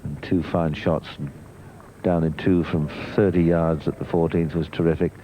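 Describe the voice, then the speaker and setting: A man's voice: sits low, steady tone, normal speed, mellow, faint music behind. A man giving live golf commentary, musing in colloquial turns of phrase as a golf commentator. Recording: noisy 1990s TV broadcast.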